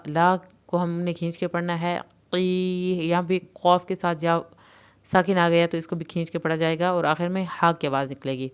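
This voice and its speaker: A woman with an Urdu accent teaching tajweed, alternating clear explanations with slow, drawn-out recitation. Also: fairly low pitch.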